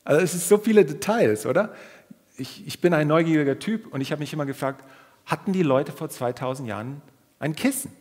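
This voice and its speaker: Husky-voiced man preaching in a reverberant church. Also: a little fast. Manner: lively, dramatic, acts out quoted voices with pitch jumps. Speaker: guest preacher. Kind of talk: sermon. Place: church hall.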